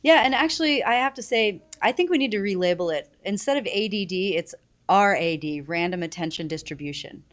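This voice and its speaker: Brief: female co-host, playful quick banter, mid-pitched voice. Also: animated. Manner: playful, curious, quick to chime in. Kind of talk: casual TV banter.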